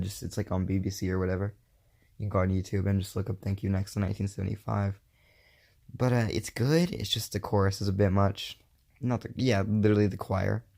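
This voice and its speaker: Gravelly low-voiced young man rambling. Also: dark tone. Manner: rambling, self-correcting, lots of fillers. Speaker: podcast host. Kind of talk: casual solo podcast chat.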